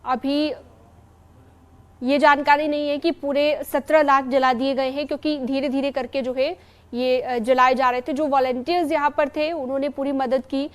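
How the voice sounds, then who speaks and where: A woman's voice: high-pitched, fairly even intonation, moderate pace. A woman anchoring live television news, describing pictures fluently and handing over to reporters.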